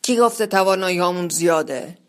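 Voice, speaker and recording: A storyteller reading the lines of a bitter, mocking man in a wheelchair who shouts gloomy taunts at his group. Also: mid-range voice, natural voice. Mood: defiant.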